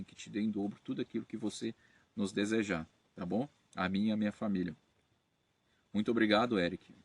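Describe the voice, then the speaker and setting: Brazilian man, low husky voice, hesitant chatty host answering comments. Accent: Brazilian Portuguese. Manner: hesitant, many fillers and self-corrections. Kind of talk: casual talk to camera.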